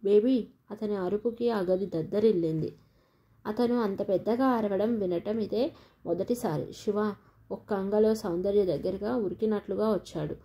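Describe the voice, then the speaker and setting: Woman reading a novel aloud, dark tone. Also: mid-range voice, normal speed. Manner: even, storytelling. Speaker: narrator. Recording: dull lo-fi recording.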